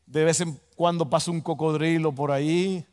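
High-voiced man telling a story in a hall. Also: normal speed. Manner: animated storyteller, acts out voices and exclamations. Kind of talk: storytelling sermon. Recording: long hall reverb.

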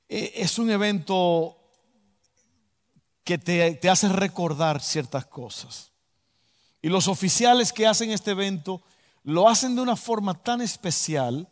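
High-voiced man telling a story in a hall. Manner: animated storyteller, acts out voices and exclamations. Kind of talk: storytelling sermon. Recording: long hall reverb.

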